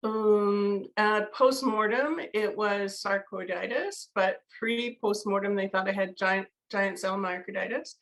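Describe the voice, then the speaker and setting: A woman's voice: medium pitch, steady tone, measured pace, hardly any pauses, poor audio. A woman from Canada, a guest in a casual interview, candid and conversational with many fillers. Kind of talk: casual video-call interview.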